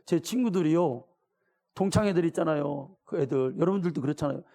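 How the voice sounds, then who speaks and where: A middle-aged pastor delivers a lively sermon in a gravelly, somewhat high voice. His tone is dark and mellow. He talks to his congregation in plain, colloquial words and keeps asking them questions. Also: fairly quick. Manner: colloquial, animated preaching with direct questions to the congregation; acts out voices of the people in the story.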